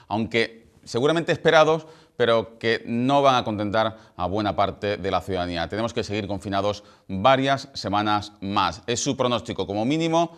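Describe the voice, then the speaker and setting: A man's voice: medium pitch, a bit bright, clean tone. A man with an Andalusian accent hosting a TV news interview, presenting in a formal way. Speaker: news show host.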